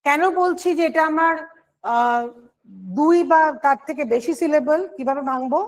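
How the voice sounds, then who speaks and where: A woman's voice: sits high, moderate pace. A woman teaching an online grammar lesson for exam prep, explaining step by step and answering her own questions.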